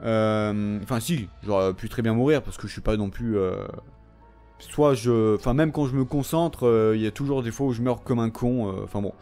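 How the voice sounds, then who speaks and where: A man's voice: lowish voice, moderate pace, warm tone, soft background music. A young man giving casual gameplay commentary, rambling with lots of fillers and frequent swearing. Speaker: gamer.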